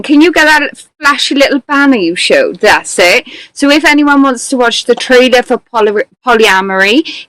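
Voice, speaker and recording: A woman's voice: mid-range voice, a bit bright, no room sound, low-quality recording. A chatty woman hosts a casual live interview show, laughing often and filling her talk with likes and ums. Her voice sits mid-range and sounds close and dry. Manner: chatty and giggly, many fillers. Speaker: host.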